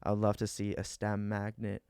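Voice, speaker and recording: A man in his twenties, a school board candidate answering interview questions in an earnest, measured, policy-minded way. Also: on the low side, completely flat delivery, darkish tone, clear, resonant tone, no echo, studio quality. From Atlanta, Georgia. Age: 20s.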